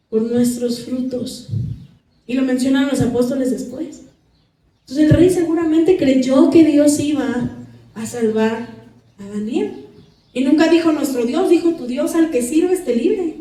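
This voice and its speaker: A woman's voice: high voice, mellow, roomy sound, recorded from a distance, low-quality recording. A woman preaching a sermon, reading scripture aloud and questioning the congregation.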